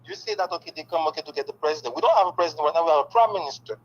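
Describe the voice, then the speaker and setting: Animated man, peppering talk with "okay". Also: fairly high pitch, very fast, breathy edge, highs cut off. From Haiti. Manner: excited, emphatic, peppers speech with "okay". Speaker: interviewee. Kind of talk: candid interview conversation.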